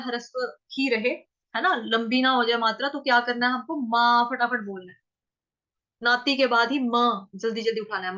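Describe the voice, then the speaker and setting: A woman leads a chanting lesson, her high, bright voice unhurried as she patiently breaks down each syllable. The sound is slightly dull and lo-fi. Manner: patient, explains pronunciation step by step. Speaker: Sanskrit recitation teacher. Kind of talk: chanting lesson with slow verse recitation.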